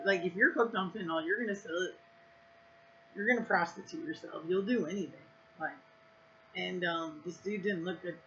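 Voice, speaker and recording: A woman's voice: fairly low pitch, sharp tone, dull audio, slight background noise. A woman telling a story in a casual vlog, blunt and profane, rambling with lots of fillers. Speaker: vlogger.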